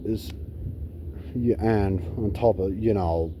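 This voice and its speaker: A man's voice: on the low side, takes it slowly, noisy background. A man chatting casually and rambling to his viewers as a gaming vlogger, recorded on a phone. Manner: swears casually. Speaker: gaming YouTuber.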